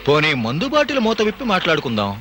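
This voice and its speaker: A sly, taunting blackmailer. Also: male voice, on the high side, huge pitch swings, rapid-fire, heavy background noise. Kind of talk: film thriller dialogue.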